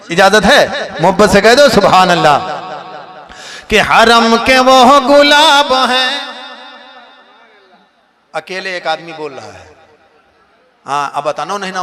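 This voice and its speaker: A man's voice: a little high, fairly bright tone. A man preaching and chanting devotional poetry at a religious gathering, coaxing the crowd to chant along and joking with them between verses. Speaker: Islamic preacher reciting poetry.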